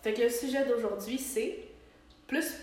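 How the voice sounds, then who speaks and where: A woman's voice: fairly high pitch, unhurried. Nasal young Quebec woman, very echoey room. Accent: Quebec French. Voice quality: nasal, stuffed-up with a head cold. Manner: slangy, mixing in English words. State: congested from a cold. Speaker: podcast co-host. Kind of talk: casual, giggly chat. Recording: very echoey room, background noise.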